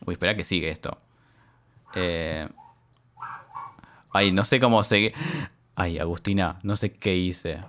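A man's voice: sits low, unhurried, pauses often, a little hiss or hum. A young man with an Argentine Rioplatense accent, co-hosting a casual chat and animatedly reading a social media thread aloud, laughing often. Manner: animated, laughs often, acts out quoted lines. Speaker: podcast co-host.

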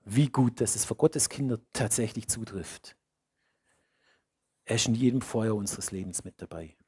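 Husky preacher, swinging loud to hushed. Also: male voice, fairly low pitch, normal speed, dry recording. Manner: emphatic, repeats key phrases, swings between loud and hushed. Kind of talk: sermon.

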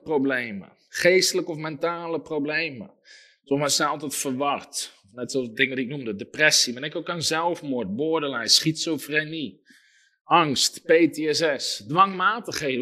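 A man's voice: fairly high pitch, sharp tone. A man preaching a sermon, telling stories with quoted dialogue and listing things emphatically.

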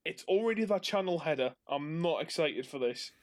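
A man with a Northumbrian accent co-hosting a podcast in casual banter, jokey, self-deprecating and quick to swear. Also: on the high side, animated. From Northumberland, England. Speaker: podcast co-host.

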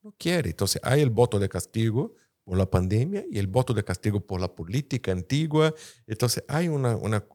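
A man's voice: on the low side, sing-song, normal speed, darkish tone. A man with a Brazilian Portuguese accent speaking Spanish mixed with Portuguese, searching for words as he gives conversational political analysis. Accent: Portuguese-influenced Spanish, Brazilian. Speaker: political commentator.

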